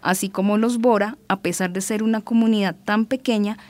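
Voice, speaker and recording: A woman's voice: medium pitch, steady tone, a little fast, darkish tone, dry recording. A woman playing a patient mother who reads and explains a story in an educational radio drama. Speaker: mother and narrator.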